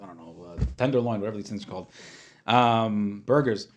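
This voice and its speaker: A man giving an informal lesson as a rabbi, explaining in plain, casual words and often pausing to search for the next one. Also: lowish voice. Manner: hesitant, searching for words, thinking aloud; casual, plain-spoken, simplifying. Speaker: rabbi teaching a class.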